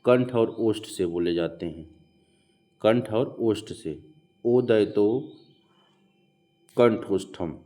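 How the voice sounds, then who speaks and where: A male teacher explaining Hindi grammar for an exam, slowly repeating each rule and its mnemonic for his students. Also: lowish voice, dark tone. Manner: slow, repeats mnemonics aloud. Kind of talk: exam prep lecture.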